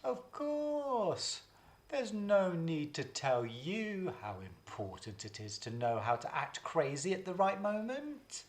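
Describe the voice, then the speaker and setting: A man's voice: sits high, slow, voice pushed up, exaggerated voice. A man acting out an eccentric, witty male trickster in a theatrical stage-acting demonstration. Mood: sarcastic. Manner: theatrical, shifts between calm, frantic and mocking.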